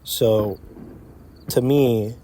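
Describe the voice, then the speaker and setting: Extremely slow and mid-range in pitch, a young entrepreneur in his early twenties speaks reflectively and casually, testing his phrases in an unscripted conversation. He's outdoors in an empty parking lot, with a steady background of crickets and night insects.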